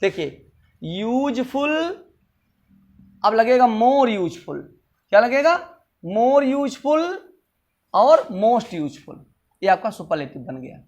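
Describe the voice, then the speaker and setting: A male teacher giving a classroom grammar lesson, repeating word forms slowly and drilling each point again and again. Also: very high-pitched, sing-song, darkish tone.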